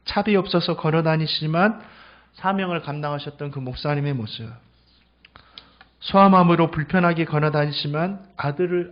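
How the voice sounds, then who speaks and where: A male pastor giving a Sunday sermon as a story, swinging from hushed lines to loud exclamations and stretching words slowly for emphasis. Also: fairly high pitch. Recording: dull lo-fi recording.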